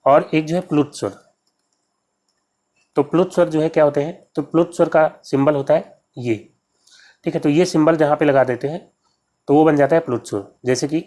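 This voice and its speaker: His voice is a little high with a dark tone. This Hindi exam tutor goes through grammar practice questions for exam prep one at a time, repeating the key terms while explaining.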